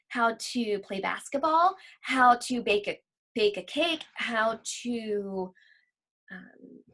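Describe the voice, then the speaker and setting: Her voice high-pitched and fairly bright, a woman leads a lesson for kids, explaining things plainly and reading aloud deliberately, much like a school library teacher.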